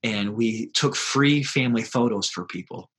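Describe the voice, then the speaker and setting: A man, a pastor, telling a personal story in an interview, animated and acting out quoted voices. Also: mid-range voice, moderate pace. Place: lives in South Dakota.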